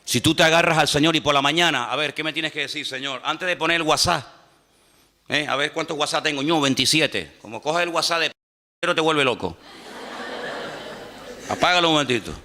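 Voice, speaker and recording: Bright-voiced preacher in a reverberant hall. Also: male voice, a little high, moderate pace, long pauses. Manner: lively preaching, acts out little scenes and voices. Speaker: pastor. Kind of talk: sermon. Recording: church hall with long reverb.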